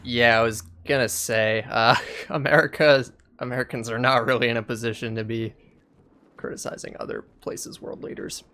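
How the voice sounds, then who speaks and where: Bright-voiced joking young speedrunner man. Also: mid-range voice, fairly even intonation, normal speed. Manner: joking, self-deprecating. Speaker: speedrunner streamer. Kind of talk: casual gameplay commentary.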